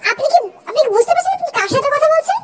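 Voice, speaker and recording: A woman voicing a bossy young wife who answers angry phone calls with sharp, sassy comebacks, in a comic fan dub. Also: very high voice, animated, very fast, slight background noise, low-quality recording. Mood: indignant.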